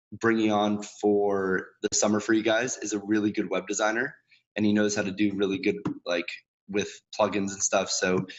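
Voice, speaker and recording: A man giving a hesitant meeting update over a video call whose audio glitches and breaks up. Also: fairly low pitch. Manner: hesitant, with frequent ums. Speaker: team member giving a status update. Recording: dull lo-fi video call line.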